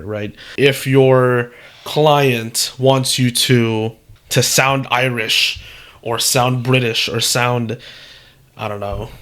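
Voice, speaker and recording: A young man talks through a writing tutorial in a loose, unscripted way, leaning on "um" and "right?" as he goes. He keeps apologizing and trailing off into low mutters. His voice sits at an ordinary male pitch. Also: a bit bright. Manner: rambling, full of fillers and "right?". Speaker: copywriter teaching script writing. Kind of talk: casual screen-share tutorial.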